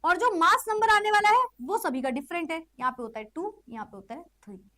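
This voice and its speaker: A woman's voice: very high-pitched, fairly quick, bright, forceful tone. A woman teaching a chemistry lecture in a chatty way, often checking in with her students and adding playful asides. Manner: repeats herself, checks in often. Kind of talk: classroom lecture.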